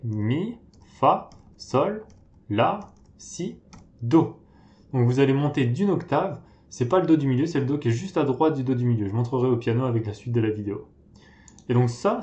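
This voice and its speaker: A man's voice: medium pitch, expressive, normal speed, darkish tone. Patient male piano teacher in a roomy space. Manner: patient, methodical explaining, counting notes aloud. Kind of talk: step-by-step piano tutorial. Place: room with a piano. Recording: roomy echo.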